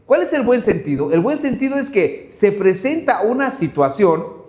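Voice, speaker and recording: A man's voice: sits high, very animated, moderate pace, a little mellow, roomy sound. A man from Mexico with a Mexican Spanish accent, preaching a sermon and asking one rhetorical question after another. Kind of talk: sermon Bible study.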